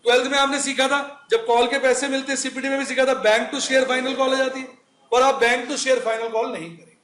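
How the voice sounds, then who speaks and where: A man's voice: very high voice, level tone, brisk, a bit bright. A male accounting teacher giving a chatty recorded lecture, asking the class questions and answering them himself. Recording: echoey room.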